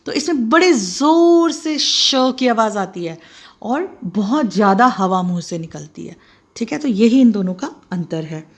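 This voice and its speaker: A middle-aged woman teaching children to write letters, spelling them out one at a time with patient explanations. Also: mid-range voice. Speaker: Hindi teacher. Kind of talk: handwriting lesson for children.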